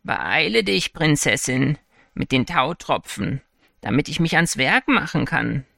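A man's voice: a little high, very animated, unhurried, gravelly, bright, forceful tone, no room sound, studio quality, heavily acted. A man voicing a mysterious old man in a fairy tale with a trembling voice. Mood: urging. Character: mysterious old man, gentle then stern.

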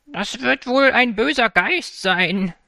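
A narrator putting on a fearful, frail old grandmother in a storybook tale, her voice raised high and urgent. A gravelly texture stays beneath the worry. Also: expressive, a little slow, pushed and bright, dry recording, studio quality, full character voice. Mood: anxious. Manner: anxious, urgent.

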